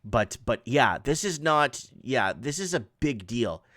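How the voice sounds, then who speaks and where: Reading articles on his online news show, this Portuguese-speaking host stumbles along, frequently starting over and adding offhand remarks as casual commentary on the headlines. His mid-range voice has lively intonation and a slightly bright tone, recorded cleanly in a studio with no room sound.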